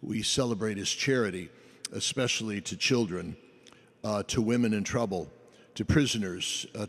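A man speaking as a priest at Mass, solemn and measured, preaching and praying in liturgical style. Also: fairly low pitch, gravelly, husky. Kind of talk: homily and liturgical prayer. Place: church during Mass. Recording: background noise behind the voice.

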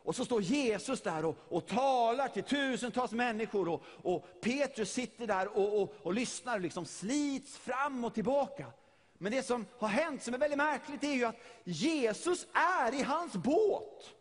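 A man's voice: extremely high pitch, lively intonation, in a large hall. A middle-aged man from Sweden preaching a sermon, retelling a story vividly and often repeating his words.

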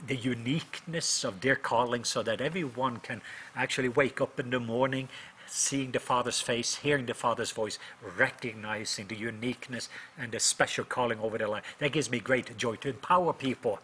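As an interview guest, this minister and author from Norway, in his fifties, speaks in a Norwegian accent and a conversational tone about what he's lived through. His mid-range voice, at normal speed, sounds pushed and bright, with slight hiss or hum present.

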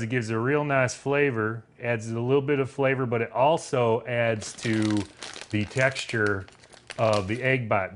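A man's voice: mid-range voice, a little hiss or hum. Folksy Southern man talking through a recipe. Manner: folksy, rambling, with loose grammar and frequent filler words. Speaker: home cook demonstrating a recipe. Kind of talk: casual cooking demonstration.

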